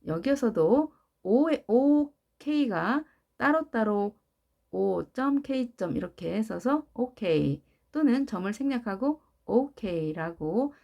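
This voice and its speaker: A woman teaching English pronunciation in a patient classroom manner, repeating each sound clearly for learners. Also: fairly high pitch, lo-fi sound. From Korea. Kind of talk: slow, clear classroom instruction.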